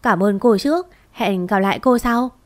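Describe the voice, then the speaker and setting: A woman's voice: medium pitch, normal speed, natural voice. A woman voicing a polite male driver who speaks in a hesitant, deferential way.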